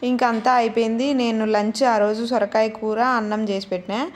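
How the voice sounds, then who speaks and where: A woman's voice: on the high side, fairly even intonation, moderate pace. Chatty Telugu mom narrating her day. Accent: Rayalaseema Telugu. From Andhra Pradesh, India. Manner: chatty, homely storytelling. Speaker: vlogger and mother. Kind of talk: casual narrated vlog voice-over.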